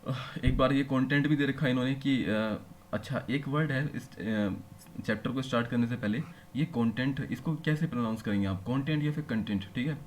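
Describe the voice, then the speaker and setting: A man's voice: medium pitch, moderate pace, slight background noise. A male teacher giving a classroom-style lecture, explaining patiently and often asking his students whether they follow. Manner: explains patiently, checks understanding with frequent rhetorical questions.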